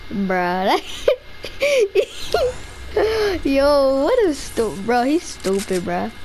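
A video game player chatting excitedly and casually with squadmates in slangy frat-bro talk full of "bro" and "bruh". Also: mid-range voice, takes it slowly, faint music behind.

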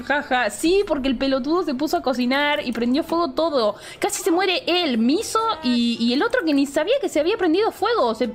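High-voiced Rioplatense woman commentating a game. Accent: Rioplatense Spanish. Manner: animated, laughing, exclaiming. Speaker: Sims let's play host. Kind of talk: excited gameplay commentary.

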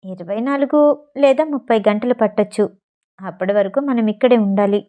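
Woman voicing a stern male gangster, suspicious, gruff orders, mellow, audio novel. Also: medium pitch, a little fast, lightly acted.

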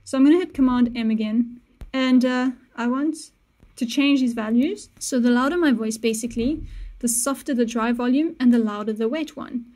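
This music producer runs a casual screen-recorded software tutorial, walking through each step in a relaxed way with self-correcting asides. Her mellow voice sits a little high and moves at normal speed. She uses a studio mic on a boom and wears headphones.

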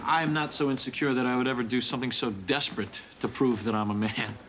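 A man's voice: mid-range voice, fairly even intonation, quick pace, a bit bright, natural voice. An actor in his thirties playing a sardonic, easygoing sitcom man with a sarcastic delivery. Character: sardonic, easygoing male airline worker. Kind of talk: sitcom acting. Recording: very noisy sitcom soundtrack.

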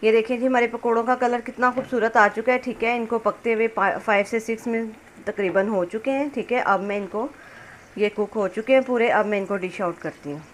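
Speaking a little high and fairly quickly, this home cook and cooking-channel host talks through a recipe one step at a time, casual and instructional in tone. The audio is poor, yet the recording is described as clear, with background noise and the ambience of a kitchen.

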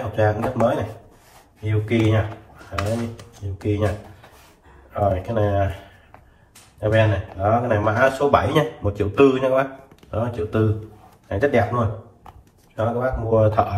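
A man's voice: fairly even intonation, a little mellow, a little hiss or hum. Chatty man selling tools, sped-up echoey recording. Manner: chatty sales patter, addresses viewers as "các bác", fills every pause with "đấy", "đó". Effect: sped up to 1.2x, voice sounds higher. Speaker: seller of used measuring tools. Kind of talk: casual product demonstration. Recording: echoey room.

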